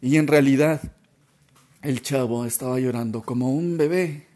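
A man's voice: mid-range voice, dark tone. Male podcast host, earnest storyteller who stumbles and repeats himself, mid-range voice. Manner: halting, emotional, many restarts and repetitions.

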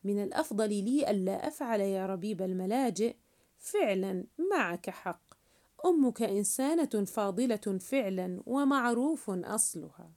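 A woman's voice: medium pitch, animated, normal speed, a little mellow, close to an everyday voice. A woman voicing a mocking, cruel teenage boy who taunts in a sneering tone in a storybook reading. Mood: taunting.

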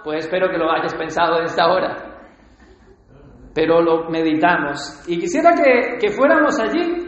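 A man preaching a sermon, often putting rhetorical questions to his congregation. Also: sits high. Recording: echoey hall, dull lo-fi sound.

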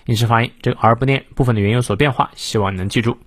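Male English teacher for a daily podcast lesson, patient and step by step, mid pitch, dry close mic. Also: fairly bright tone, dry recording. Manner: patient, explains step by step and models English pronunciation slowly.

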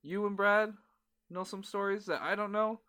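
A young man hosting a casual podcast chat with friends, slow-talking with loud joking bursts. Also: sits high, steady tone, smooth. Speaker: podcast host.

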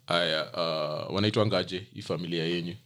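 A man's voice: deep voice, steady tone, normal speed, fairly bright tone. A man chatting casually as a podcast guest. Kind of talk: casual chat.

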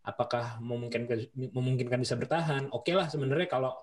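A man's voice: mid-range voice, brisk. Male host, mid-range voice, hesitant questions with many restarts. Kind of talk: casual interview talk.

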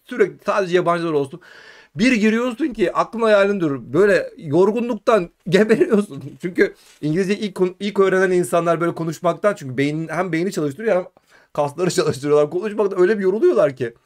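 A man from Turkey hosting a casual live-stream chat, animated and urging his viewers on. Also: high-pitched, quick pace. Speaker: host.

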